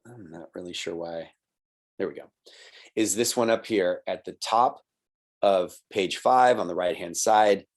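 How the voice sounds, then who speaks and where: A man's voice: low-pitched, measured pace. A man teaching a recorded online college writing lesson, explaining patiently and checking in with "right?" and "okay?". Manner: explanatory, patient, with little laughs.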